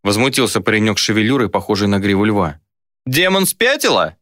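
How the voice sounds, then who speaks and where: Male audiobook reader, deep-ish voice, dry close recording, measured narration. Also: steady tone, fairly bright tone, dry recording. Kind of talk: scripted first-person narration.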